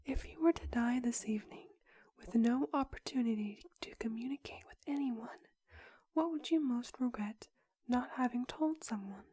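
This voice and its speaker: A young woman whispering an ASMR roleplay as a clinic counselor, asking questions softly with pauses. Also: a little high, slightly rough, no room sound. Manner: soft whisper throughout, slow questioning with pauses. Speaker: ASMR creator.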